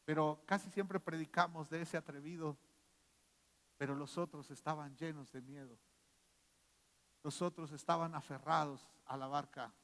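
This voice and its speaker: A pastor delivers his sermon in a fairly high male voice. The church hall gives a long reverb. He drops to a near murmur for scripture, then rises to loud, ringing exhortation. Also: steady tone, moderate pace, long pauses. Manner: swings from quiet reading to loud shouting.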